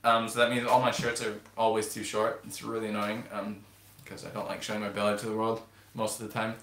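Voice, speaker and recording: With a completely flat delivery, a young man talks fast in a fairly low, slightly bright voice while hosting a casual live stream. He hesitates and rambles, saying um a lot, and the camera-mounted mic records a roomy home space with faint hiss.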